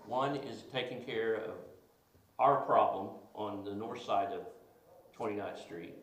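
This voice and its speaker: A man at a city committee meeting, laying out his points plainly and in order. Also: lowish voice. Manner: direct, lays out points in order. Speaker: committee member. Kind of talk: public meeting discussion. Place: council meeting room. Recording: echoey room with faint noise.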